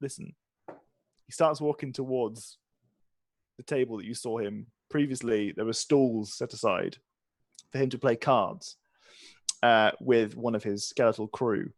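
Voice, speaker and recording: A man's voice: medium pitch, a little slow, pauses often, dry recording. A man runs a tabletop role-playing game as its game master. He improvises scene descriptions in a conversational manner, with very little room sound around his voice.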